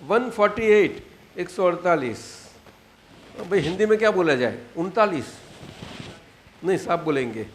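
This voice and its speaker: A man in his eighties with a Gujarati accent, giving an unhurried spiritual discourse to disciples, repeating phrases and checking that they understand. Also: high-pitched, expressive, slight background noise. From Gujarat, India. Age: 80s. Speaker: spiritual teacher. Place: satsang gathering hall.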